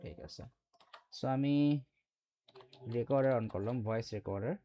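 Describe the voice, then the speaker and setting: A man's voice: medium pitch, moderate pace, mellow, faint music behind. A man teaching a computer class, explaining step by step and quizzing his students with questions. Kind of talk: classroom lecture.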